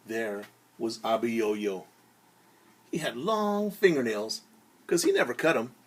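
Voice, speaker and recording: A male teacher with a mid-range voice and lively intonation tells children an animated story, complete with singing. He is theatrical, acting out shouts, whispers and sound words, and he pauses to explain words simply and invite the kids to join in.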